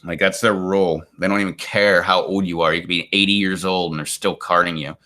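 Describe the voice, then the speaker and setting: Casually addressing his stream viewers, a man in his 40s rambles with exasperation and overuses "like." His voice sits low, his tone is steady yet bright and forceful, and he talks a little fast.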